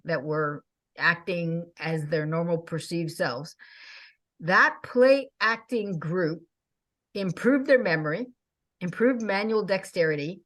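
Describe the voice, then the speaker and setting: Chatty woman in her sixties, low-pitched. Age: 60s. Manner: enthusiastic, chatty, laughs often. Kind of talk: casual chat.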